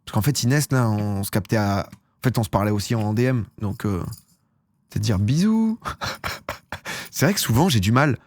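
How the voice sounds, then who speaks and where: A man's voice: lowish voice, lively intonation, normal speed, pauses often, no echo. A young man from France chatting casually on a live stream, rambling and slangy, often laughing at himself. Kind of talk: casual chat with chat viewers.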